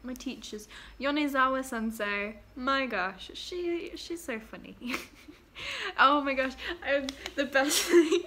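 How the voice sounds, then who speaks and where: This young adult vlogger from England talks slowly in a high, pushed, bright voice, picked up by the laptop webcam at her desk with a little hiss or hum. Sitting in a small bedroom, she chats casually to camera, giggling and drifting into fillers.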